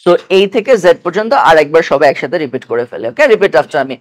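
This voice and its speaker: A man teaching English pronunciation to a class, drilling letters slowly and patiently for students to repeat. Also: a little high, sing-song. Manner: slow, patient, repeats each sound for students to echo.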